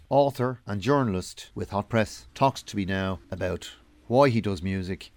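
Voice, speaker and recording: A man presenting a radio feature, reading scripted links in a measured way and interviewing guests. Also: on the low side, no echo.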